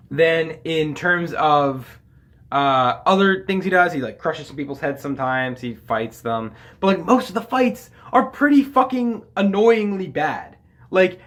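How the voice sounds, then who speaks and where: A man's voice: lively intonation, measured pace. Rambling young man reviewing old anime. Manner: loose and rambling, many fillers, frequent swearing; pitch and loudness swing widely, drops low on asides. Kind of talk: casual spoken review.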